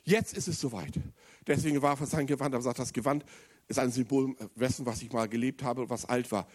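A man preaching a sermon, speaking straight to the congregation with questions and moving between loud emphatic passages and low, quiet stretches. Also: fairly even intonation, fast. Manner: addresses the congregation directly with questions.

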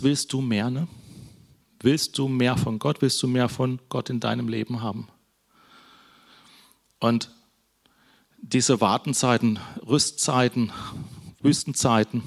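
A man giving a casual, conversational sermon in a church, often ending phrases with a questioning tag. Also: mid-range voice. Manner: conversational, frequent "ne?" tags. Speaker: preacher.

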